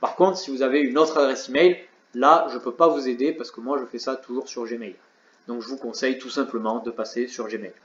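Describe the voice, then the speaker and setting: A man's voice: mid-range voice, steady tone, fairly quick, a bit bright. Man, tired tutorial host, chatty with joking asides; echoey room, slightly muffled audio. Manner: chatty, self-mocking asides. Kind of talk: casual screen tutorial. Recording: roomy, slightly dull sound.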